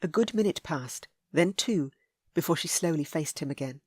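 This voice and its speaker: Woman audiobook narrator, low and soft, intimate romance read, dry sound. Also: animated, moderate pace, slightly rough, no echo.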